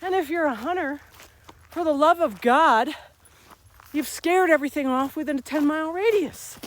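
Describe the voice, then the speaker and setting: A chatty woman in her fifties, a vlogger and health coach, films a casual vlog while walking up a rural trail outdoors. Her voice is high-pitched and moderately paced, and she's a little out of breath from the climb as she tells animated stories punctuated by laughter.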